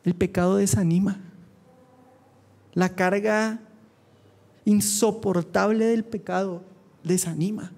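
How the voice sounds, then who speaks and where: A man preaching to young people with a fervent drive. His voice sits high, and he mixes earnest appeals with quick, joking asides. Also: steady tone, gravelly, darkish tone. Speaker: youth preacher. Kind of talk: sermon. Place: church youth meeting.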